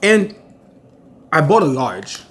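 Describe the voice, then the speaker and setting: A man's voice: a little high, sing-song, takes it slowly, a bit bright. A tired young man chatting casually to a handheld camera at home, full of "like"s as he tells a story. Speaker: vlogger. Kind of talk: casual vlog chat to camera.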